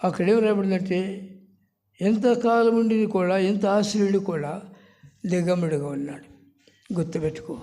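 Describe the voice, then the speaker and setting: High-voiced pastor preaching. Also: male voice. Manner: preaching with sudden rises and drops in pitch and loudness. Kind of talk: sermon.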